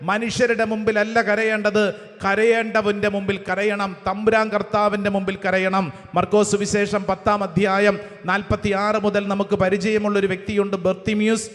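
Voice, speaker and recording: A priest with a high-set voice delivers a sermon, calling out verses one phrase at a time for the listeners to repeat. His words ring out with a long reverb, as if spoken in a large church hall. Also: flat delivery, normal speed, a bit bright. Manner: cites verses with English chapter numbers. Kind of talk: sermon with call-and-response.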